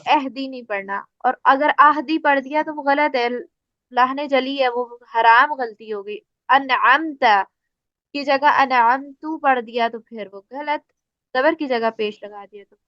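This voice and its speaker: A woman with a Pakistani Urdu accent, teaching Quran tajweed in a casual spoken lesson, explaining patiently and reciting examples slowly. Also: high-pitched, a bit bright, no room sound. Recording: dry, slightly muffled recording.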